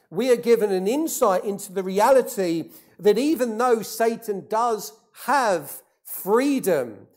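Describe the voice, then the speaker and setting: A preacher delivers a sermon at an unhurried, measured pace. The speaker dwells on key phrases and says them twice for weight. Questions are put to the listeners without waiting for answers. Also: medium pitch. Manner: deliberate, repeats key phrases for emphasis; asks the congregation rhetorical questions.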